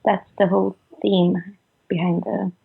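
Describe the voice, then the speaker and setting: A woman in her twenties from Sweden, a musician answering interview questions over the phone in a halting way, full of fillers and trailing off. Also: medium pitch, level tone, creaky, husky. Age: 20s. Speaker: musician guest. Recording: tinny phone line.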